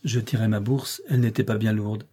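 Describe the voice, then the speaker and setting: Male audiobook narrator, calm, mellow breathy voice. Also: lowish voice, a little fast. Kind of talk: scripted narration.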